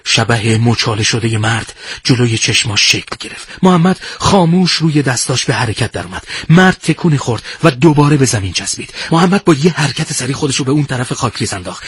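A man narrating a dramatic war story in a measured, hushed storytelling manner. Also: a little high, husky, no echo.

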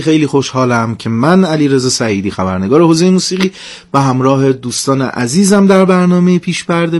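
A man hosting a radio music show, speaking in a formal, flowery, ceremonious way. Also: medium pitch. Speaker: radio host and music reporter.

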